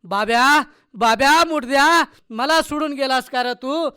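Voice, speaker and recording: A man's voice: very high-pitched, unhurried, pitched above the performer's own voice, heavily acted. A man voicing a wailing village mother in grief. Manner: keening, loud lament.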